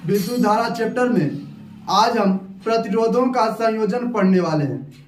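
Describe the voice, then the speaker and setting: A man's voice: very high voice, far from the mic. A young man teaching a science lesson at a whiteboard, explaining step by step and repeating key terms. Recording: echoey room, off-mic.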